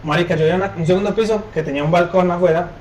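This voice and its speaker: A man's voice: sits high, fairly even intonation, racing, roomy sound, a loud crowd. A Colombian man co-hosting a podcast, telling joking, slangy stories in casual chat. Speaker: podcast co-host.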